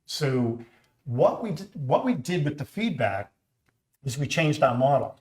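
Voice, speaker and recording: A man's voice: medium pitch, big pitch swings, a little slow, darkish tone. A middle-aged man with a Boston accent, a company founder hosting a live stream, telling his story in a chatty, earnest way. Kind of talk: casual live-stream chat. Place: home kitchen. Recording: echoey room.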